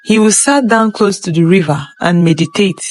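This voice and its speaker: A woman narrating a folktale in an unhurried, plain storytelling manner. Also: medium pitch, rough recording.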